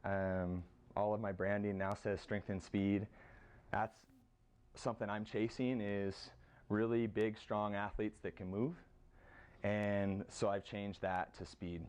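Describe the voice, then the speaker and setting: A man with an American accent, a high school strength coach giving a casual conference presentation, with plenty of fillers as he lists exercises. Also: flat delivery, takes it slowly, a little mellow, clean tone. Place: conference room.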